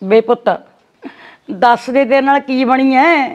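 A woman's voice: high voice, steady tone, unhurried, dull audio, background noise. A woman playing a coaxing village aunt. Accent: Malwai Punjabi. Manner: coaxing, insistent, repeating "son". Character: anxious middle-aged village aunt, doting. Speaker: paternal aunt. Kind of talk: web series acting.

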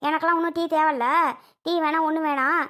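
A young performer voicing an angry middle-aged mother who loudly scolds her daughter in a family skit. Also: fairly even intonation, quick pace. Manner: loud, scolding, high-pitched shouting. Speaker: Selvi, the young wife's mother.

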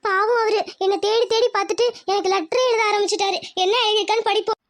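A woman voicing a shy, anxious young village woman in love, talking in a hushed, worried way. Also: very high-pitched, steady tone, fast.

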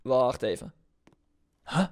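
A young man with a Dutch accent giving casual commentary on his own gameplay, chatty and reacting out loud with yelps and repeated words. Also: mid-range voice, big pitch swings, slow pace. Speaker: gaming YouTuber. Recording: music clearly under the voice.

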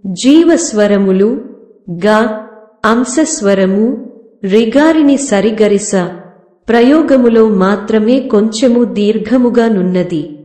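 A woman reading a scripted music lesson in a slow, measured recital of terms and lists. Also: fairly high pitch, warm tone, echoey room. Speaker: music teacher. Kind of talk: scripted lecture on a raga.

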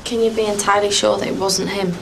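Actress as british policewoman, firm, talks fast, loud noise around her. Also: medium pitch, level tone, creaky, lightly acted. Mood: calm, probing. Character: firm, matter-of-fact policewoman. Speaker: police officer. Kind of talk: British TV police drama acting. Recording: loud location background noise.

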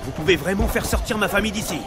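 A man's voice: sits high, racing, natural voice. A man voicing an anxious father living in an occupied camp, in a dubbed video game, with music behind. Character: nervous male camp resident, a father. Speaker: camp resident guide.

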